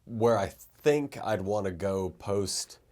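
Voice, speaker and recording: A man hosting a podcast interview, asking relaxed, reflective questions. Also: fairly low pitch, slow. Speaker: podcast host. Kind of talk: interview conversation.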